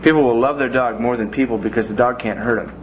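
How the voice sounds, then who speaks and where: Speaking at a quick clip in a medium register, this man runs a Bible class in a classroom with a homespun, folksy style and plenty of jokey asides. Faint noise sits under the dull, lo-fi classroom audio.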